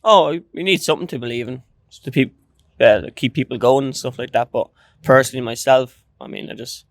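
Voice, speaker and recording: A man's voice: mid-range voice, a little fast, no room sound, clean studio sound. A young man with an Irish accent chatting casually in a laid-back, noncommittal way. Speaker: street interviewee. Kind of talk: casual chat.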